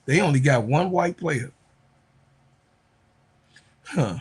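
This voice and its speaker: Slow, emphatic man arguing sports. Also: fairly high pitch, expressive, slightly rough. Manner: emphatic, preachy, repeats points for effect. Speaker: podcast co-host. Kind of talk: heated sports debate.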